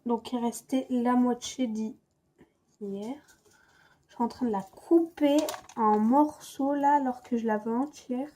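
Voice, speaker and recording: Slow chatty young woman showing a recipe. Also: a little high, steady tone, warm tone. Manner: chatty, playful, talks to herself. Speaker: cooking vlogger. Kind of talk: casual home cooking demo. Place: home kitchen. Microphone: camera mic propped on a stand.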